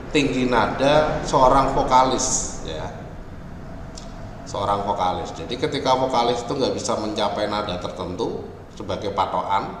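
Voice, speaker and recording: A man giving an online lecture on music software, explaining slowly and often ending phrases with a checking "ya". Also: on the low side. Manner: explains slowly, with frequent "ya" tags. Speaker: university lecturer. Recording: echoey, reverberant room, faint ambient noise.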